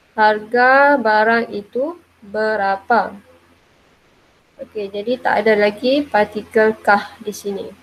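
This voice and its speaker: Slow-talking woman teacher, explaining. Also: on the high side, low-quality recording. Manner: says "okey" often, slow and explaining. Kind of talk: classroom grammar lesson. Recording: faint background noise.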